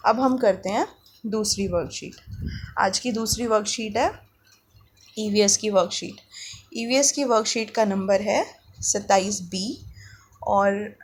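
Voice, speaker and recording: A woman teaching young pupils through a worksheet, reading words slowly syllable by syllable and asking the class questions that she answers herself. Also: medium pitch, breathy edge. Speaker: primary school teacher. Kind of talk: worksheet lesson for children.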